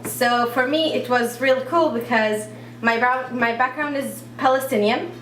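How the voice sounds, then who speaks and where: A young woman, a native Arabic speaker who grew up in Iraq, telling her own story on a cafe stage, talkative and halting with lots of fillers. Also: a little high, fairly bright tone, slight background noise. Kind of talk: live personal storytelling. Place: cafe stage at a live event. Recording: roomy cafe, speaker far from mic.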